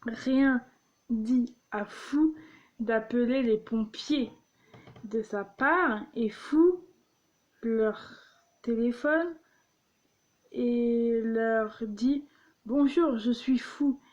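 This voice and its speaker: Giggly young woman reading jokes, slow. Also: on the high side, a little mellow, lo-fi sound. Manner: giggly, stumbling, explaining jokes. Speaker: vlogger.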